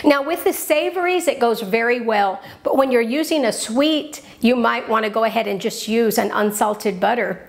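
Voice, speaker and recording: A woman's voice: a little high, vocal fry. Upbeat woman hosting a home cooking show. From New Mexico. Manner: chatty, upbeat, enthusiastic. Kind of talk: cooking demonstration. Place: home kitchen.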